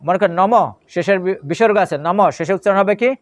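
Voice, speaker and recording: A man giving a devotional scripture lecture, chanting mantras slowly and explaining their pronunciation while asking his listeners questions. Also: high voice, steady tone. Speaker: religious lecturer.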